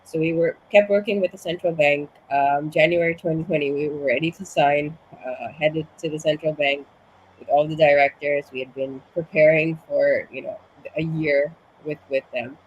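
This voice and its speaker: A woman's voice: sits low, steady tone, normal speed, lo-fi sound, a little hiss or hum. A woman from Suriname, a guest in a casual interview, a bit out of breath from being sick, explaining at length with many restarts. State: slightly out of breath from illness. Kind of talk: casual conversation.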